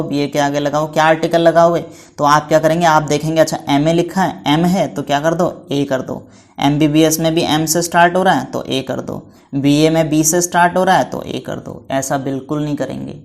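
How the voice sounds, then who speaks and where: In a classroom-style English lesson for children, a man with a fairly high voice stays patient throughout. He answers the questions he asks, spells each word letter by letter, and lovingly refers to his pupils as "beta."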